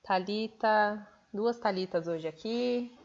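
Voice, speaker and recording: Brazilian woman, mid pitch, rushed chatty live host, slightly dull lo-fi sound. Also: darkish tone. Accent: Brazilian Portuguese. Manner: fast, hurried talker. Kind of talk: casual live stream chat.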